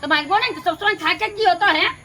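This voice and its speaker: Casting: woman as a sharp-tongued young stepmother, Purulia Bengali accent, bright high voice. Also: racing, slight background noise, heavily acted. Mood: scolding. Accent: Purulia Bengali dialect. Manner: sharp, scolding, quarrelsome. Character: harsh young stepmother, quarrelsome and scolding. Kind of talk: village home drama acting.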